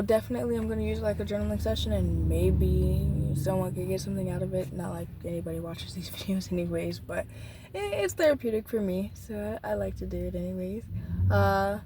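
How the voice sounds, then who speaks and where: A nineteen-year-old woman vlogging an unplanned journaling session outdoors beside a busy street, rambling and reflective, with halting restarts. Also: mid-range voice, background noise.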